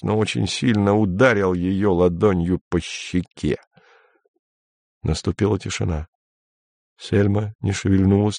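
Male narrator, audiobook, measured delivery, low pitch, dry recording. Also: darkish tone, dry recording. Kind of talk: audiobook reading.

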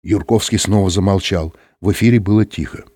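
A man giving an expressive, animated reading of a story as an audiobook narrator. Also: sits low, a little fast, breathy edge, dry recording, studio quality. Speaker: audiobook reader.

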